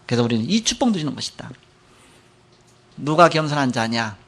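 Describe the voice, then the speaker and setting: A middle-aged male pastor preaching a sermon, telling a personal story and moving between loud emphasis and quiet asides. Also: medium pitch, big pitch swings, fairly quick, gravelly.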